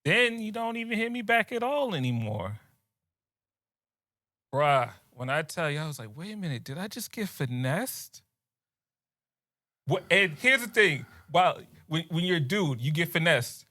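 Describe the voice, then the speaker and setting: This young man co-hosts a podcast, animatedly telling a story with frequent laughter and soft voices for the people he quotes. His pitch is fairly high, his speed normal, broken by long pauses. The studio-quality recording has no echo.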